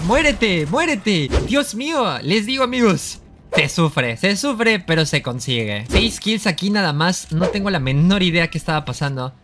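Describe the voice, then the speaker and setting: A young man giving lively gameplay commentary, excitable and repeating his exclamations as he trash-talks opponents. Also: sits high, a little hiss or hum. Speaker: gaming YouTuber. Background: background music.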